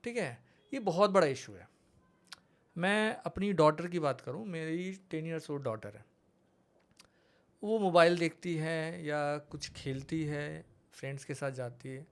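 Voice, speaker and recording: A man's voice: on the high side, expressive, unhurried. A man, hosting a podcast, asking questions and nodding along with short acknowledgements. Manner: attentive, frequent short acknowledgements, personal examples. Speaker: podcast host. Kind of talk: interview questioning.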